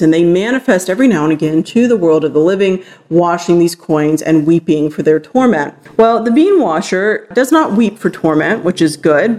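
A woman's voice: on the low side, a little mellow. A woman hosting a podcast, talking casually into a handheld voice recorder in a chatty, rambling way. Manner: chatty, rambling, laughs now and then. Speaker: podcast host. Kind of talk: casual solo podcast talk.

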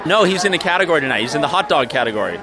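A man's voice: a little high, very fast. A man being interviewed casually, with hesitant, laid-back phrasing. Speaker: interviewed dog handler. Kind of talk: casual chat. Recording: lively crowd chatter around. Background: crowd chatter.

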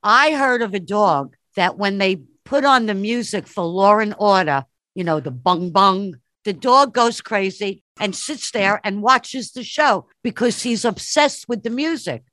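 A woman with a medium-pitched voice chats as a podcast guest. She is casual and enthusiastic, recorded dry with no room sound. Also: unhurried, hardly any pauses, a bit bright, dry recording. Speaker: podcast guest and fellow host.

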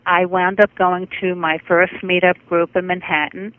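A woman's voice: lowish voice, level tone, moderate pace, no room sound. A middle-aged woman, a guest in an interview, chatting effusively and rambling through her stories. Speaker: guest, dog owner. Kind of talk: casual interview chat. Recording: tinny phone-line radio audio.

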